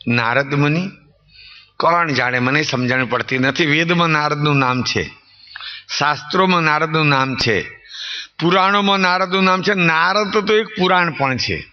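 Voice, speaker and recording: Male preacher, high voice, story sermon with emphatic swoops, dull recording. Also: moderate pace. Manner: rhetorical questions to the audience, swooping emphatic delivery.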